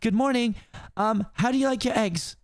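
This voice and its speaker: A man's voice: extremely high pitch, moderate pace, no room sound, clean studio sound, pitched above the performer's own voice. A man voicing a feisty young princess with a prim, assertive manner, polite but bossy. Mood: cheerful.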